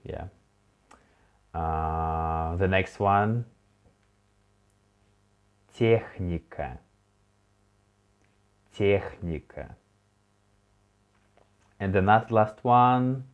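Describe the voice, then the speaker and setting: A man's voice: low voice, drawn-out words, clear, resonant tone. A man teaching a beginner language lesson online, patiently prompting a learner to repeat words and encouraging them.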